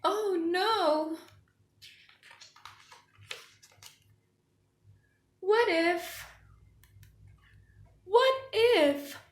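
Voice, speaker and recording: A woman's voice: high-pitched, a bit bright, reverberant, pitched above the performer's own voice, exaggerated voice. Woman doing a fretful sneezing elephant. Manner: sneezing, anxious, halting. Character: worried young male elephant, sneezy and dramatic.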